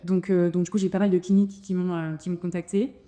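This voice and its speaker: Fast and flat in delivery, her warm voice sits on the low side. This thirty-something dentist, a native French speaker, talks casually to camera about relocating abroad, stumbling through many fillers and restarts.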